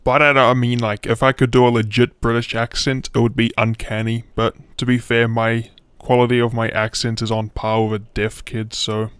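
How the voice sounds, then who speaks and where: A male YouTuber delivers a crude comedic rant in a sarcastic, mock-earnest tone. His voice sits at a mid pitch and is recorded close, in a dry space with no room sound. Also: little pitch movement, moderate pace, few pauses, a bit bright, clear, resonant tone, dry recording.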